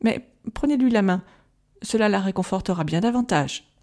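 A woman's voice: mid-range voice, expressive, moderate pace, darkish tone, natural voice. A woman reading the lines of a grave elderly male professor in an audiobook, stern and urgent.

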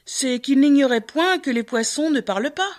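A woman narrates a fairy tale with a measured, expressive reading. Her voice sits high. Her scripted storytelling pace stays steady.

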